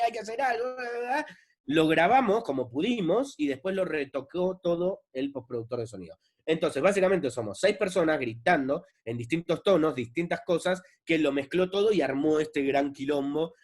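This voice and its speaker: A man with an Argentine accent, a film director giving a masterclass in a relaxed, conversational way with frequent fillers. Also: fairly high pitch. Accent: Argentine Spanish. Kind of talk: explanatory lecture.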